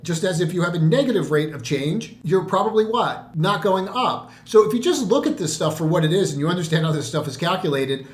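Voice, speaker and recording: A man talks through stock charts in a casual teaching tone. His voice sits a little high and he keeps throwing rhetorical questions at the listener, sometimes with a chuckle. The room around him sounds echoey. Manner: animated, rhetorical questions, laughs at points. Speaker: trading educator. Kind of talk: chart walkthrough commentary.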